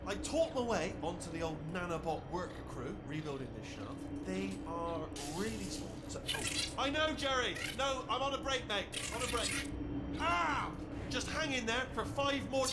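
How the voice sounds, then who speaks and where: A man voicing a chatty, blundering male robot sidekick, rambling and excitable. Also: high voice, unhurried. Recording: game audio with loud background noise.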